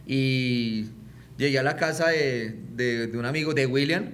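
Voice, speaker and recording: A man with a Colombian accent telling a personal story in a casual podcast chat, animated and laughing often. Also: mid-range voice, unhurried, slight background noise. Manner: animated, laughs often, acts out voices in his anecdotes.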